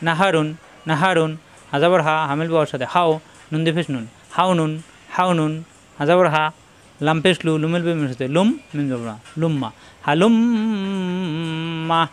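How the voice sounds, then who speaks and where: In a spelling-out recitation lesson, a man teaches Quran reading, sounding out letters one at a time and patiently repeating each drill. His voice is fairly high, a little fast, and clean.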